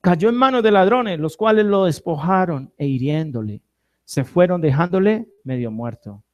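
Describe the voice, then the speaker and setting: A man preaching a sermon to a church congregation, asking questions and having them answer, swinging between loud and soft phrases. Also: sits high, lively intonation, moderate pace, highs cut off. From Colombia. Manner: preaching with call-and-response to the congregation. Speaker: pastor.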